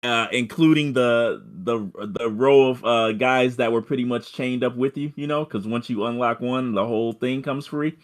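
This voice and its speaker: Narrating a tabletop game as its game master, this medium-pitched man stumbles along, often restarting and filling gaps with filler words.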